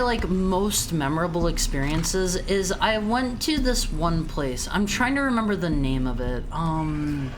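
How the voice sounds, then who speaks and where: Lively, halting woman game streamer. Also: medium pitch. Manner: halting, repeats words and phrases. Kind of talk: casual game streaming chat. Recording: clear background game noise.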